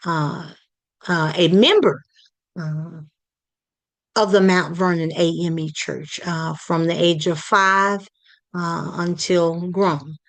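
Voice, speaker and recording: Woman giving a talk, slow and halting, lots of uhs and restarts, lowish voice. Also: fairly even intonation. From Palestine, Texas. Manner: hesitant, many fillers and restarts. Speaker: community project leader presenting. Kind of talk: halting prepared presentation.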